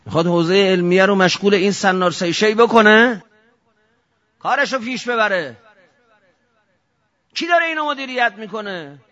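A man, a cleric, giving an impassioned political sermon, firing off rhetorical questions and swinging from shouting to low, intense speech. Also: pauses often. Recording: dull lo-fi recording.

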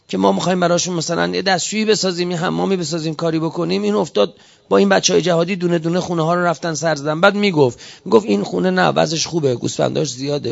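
A man preaches with fervent urgency, his voice pitched high and rough with fry. He pushes into shouts as the sermon builds. The recording sounds muffled and lo-fi. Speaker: preacher at a religious gathering. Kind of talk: impassioned sermon.

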